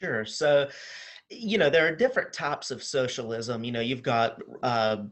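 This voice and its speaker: A man's voice: mid-range voice, moderate pace, a bit bright. A man in his twenties from North Carolina, speaking casually as a panelist on a video call.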